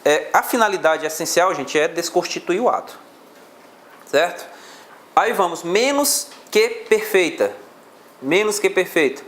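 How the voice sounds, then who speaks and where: A man's voice: high voice, expressive, unhurried, fairly bright tone. A male law teacher with a Brazilian Portuguese accent, lecturing a class on exam questions and explaining step by step.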